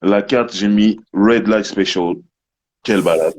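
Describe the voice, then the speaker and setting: A man co-hosting a casual music chat, relaxed and telling anecdotes. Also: lowish voice, a little slow, a little hiss or hum. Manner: relaxed, anecdotal, laid-back. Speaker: podcast co-host.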